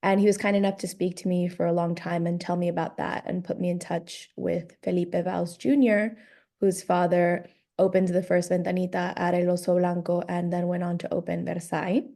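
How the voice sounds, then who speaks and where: A woman guest raised in Miami, telling her story in a relaxed way and laughing easily in a casual interview. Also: fairly low pitch, moderate pace, creaky. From raised in Miami, born in Guatemala. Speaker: guest, author and graphic designer. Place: London.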